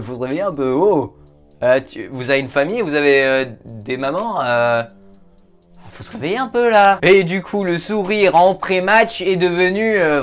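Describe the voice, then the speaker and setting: Hosting a relaxed football commentary vlog, a man jokes and chats with his viewers, often hesitating as he goes. His voice is a little high and slightly bright.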